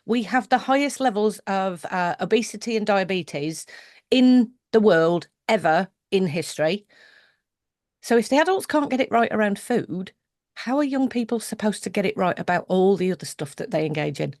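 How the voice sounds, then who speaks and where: A woman's voice: mid-range voice, animated, normal speed, darkish tone, no echo, studio quality. A British woman hosting a conversational interview, thinking aloud with restarts and asides. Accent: British English. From United Kingdom. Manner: thoughtful, circling back with restarts and asides. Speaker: podcast host.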